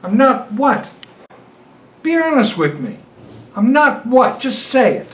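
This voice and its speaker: A man's voice: extremely high pitch, big pitch swings, slow, exaggerated voice. An older man playing a defensive banker husband who insists that he is funny. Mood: indignant. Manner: indignant, defensive. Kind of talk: film drama acting. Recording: roomy echo.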